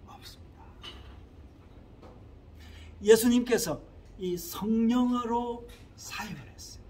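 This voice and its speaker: A man's voice: high-pitched, slightly rough. A man from the Gyeongsang region with a Gyeongsang accent, preaching a sermon as a pastor in his small church and often asking the congregation questions. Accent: Gyeongsang Korean. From Gyeongsang region, Korea. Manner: earnest preaching with frequent rhetorical questions to the congregation. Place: Korea-linked small church abroad.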